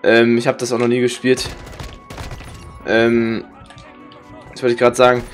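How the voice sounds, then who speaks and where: A man's voice: medium pitch, monotone, a little slow, faint music behind. A young man from Germany gives casual, rambling gameplay commentary in slangy speech, grumbling and swearing. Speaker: gaming streamer. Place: indoor room with webcam.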